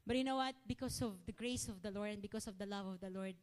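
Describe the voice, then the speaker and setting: A woman's voice: medium pitch, fast, darkish tone. A woman preacher giving a heartfelt sermon, confiding personal stories and building to fervent exhortation. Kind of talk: Taglish sermon.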